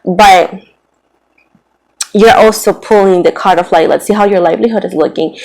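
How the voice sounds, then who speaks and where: A woman's voice: mid-range voice, fairly even intonation, moderate pace, creaky, darkish tone, poor audio. Female tarot reader, rambling casual delivery, lots of fillers, mid-range voice. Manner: rambling and chatty, heavy on "like" and "you know". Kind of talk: casual tarot reading to camera.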